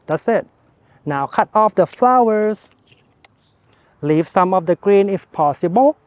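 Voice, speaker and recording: Male gardening host, slightly high voice, relaxed and chatty, talks straight to camera. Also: slow, no echo. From Thailand. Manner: chatty, relaxed, speaks to viewer directly. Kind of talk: casual how-to gardening vlog. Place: outdoors in a home garden.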